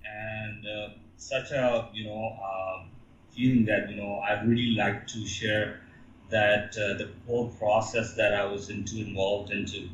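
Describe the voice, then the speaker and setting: A man from Pakistan, a musician guest, talking haltingly with many fillers and restarts. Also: fairly low pitch, flat delivery, fairly bright tone, roomy sound, lo-fi sound, slight background noise. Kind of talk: casual interview talk.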